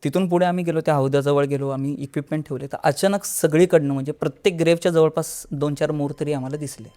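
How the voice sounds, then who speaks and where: A man's voice: fairly high pitch, fairly even intonation, fast, mellow. A man, a podcast guest, telling a first-person horror story in a conversational way, with restarts, acting out what people said. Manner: vivid, acts out dialogue.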